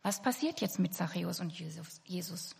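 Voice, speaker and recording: A woman's voice: lowish voice, lively intonation, normal speed, vocal fry, darkish tone, slight background noise. A woman preaching a sermon to her congregation, earnest and speaking to them directly. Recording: hall reverb.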